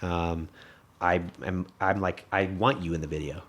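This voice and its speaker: A man's voice: deep voice, steady tone, a little slow, a bit bright. A young man with a slight lisp, a podcast guest talking casually and rambling, with lots of swearing and restarts. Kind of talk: casual conversation.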